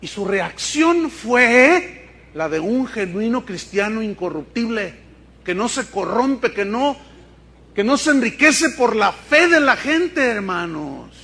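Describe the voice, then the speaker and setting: A male pastor preaching a sermon, lively, with asides and playful mock dialogue. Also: high-pitched, takes it slowly, a little hiss or hum.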